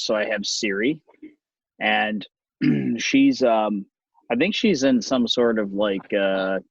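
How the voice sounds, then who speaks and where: Casting: middle-aged Californian-accented man, ordinary mid pitch, wry and rambling conversational delivery, close dry sound, slightly muffled. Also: no room sound. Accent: Californian American. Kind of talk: casual conversational talk.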